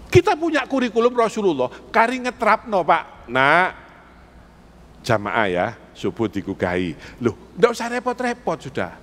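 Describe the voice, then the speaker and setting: Preaching an Islamic sermon in a mosque, a man with an East Javanese accent fires rhetorical questions at the congregation and pushes them for answers. His voice is high-pitched and a bit bright, swinging hugely in pitch at a moderate pace. The hall's echo is audible in the recording.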